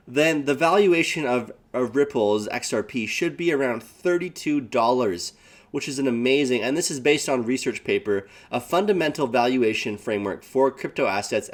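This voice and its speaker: A man hosting his own channel, talking casually with hype while reading news and quotes aloud. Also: mid-range voice. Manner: hyped, repeats "guys", reads quotes aloud. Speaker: crypto channel host.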